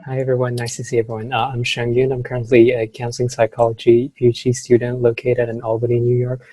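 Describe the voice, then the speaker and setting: A man's voice: mid-range voice, monotone, fast, dark tone, no room sound, poor audio. A man, a psychology PhD student, introducing himself modestly on a video call.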